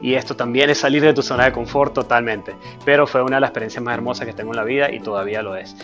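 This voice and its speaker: A man, introducing himself to camera in a steady, earnest way with frequent fillers. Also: mid-range voice, racing, faint music behind. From Venezuela. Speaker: personal finance YouTuber. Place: dark studio with a screen backdrop.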